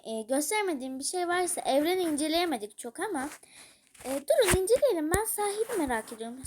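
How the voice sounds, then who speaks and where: High-voiced chatty woman gamer. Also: a little mellow, a little hiss or hum. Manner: chatty, gushing over game items, talks to her character. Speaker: gaming YouTuber. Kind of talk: casual gameplay commentary.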